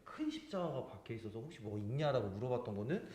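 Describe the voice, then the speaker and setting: A man's voice: medium pitch, very animated, quick pace, dark tone, reverberant. A man hosting a casual chat, reacting to his guest with short replies and follow-up questions. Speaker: host.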